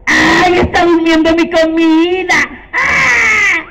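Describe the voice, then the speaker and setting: A man voicing a scatterbrained, excitable female witch cook with a Chilean accent and fussy, shrill exclamations. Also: moderate pace, very noisy. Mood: shrieking. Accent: Chilean Spanish. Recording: dull lo-fi live recording.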